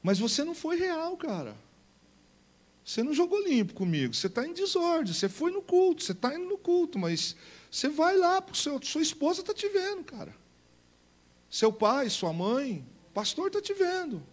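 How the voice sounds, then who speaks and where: A Brazilian pastor voicing God as a gentle, fatherly figure who speaks softly and in casual slang. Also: very high-pitched, normal speed, pitched above the performer's own voice, heavily acted. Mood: earnest, chummy. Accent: Brazilian Portuguese. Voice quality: soft and calm, street-casual slang. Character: gentle, fatherly God coaxing a sulking man. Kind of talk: acted quotation within a sermon.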